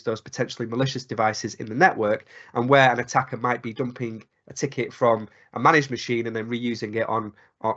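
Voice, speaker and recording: A croaky-voiced man presenting a live technical webinar, explaining at length with many fillers and restarts. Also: mid-range voice, fairly bright tone. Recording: dull lo-fi webinar audio.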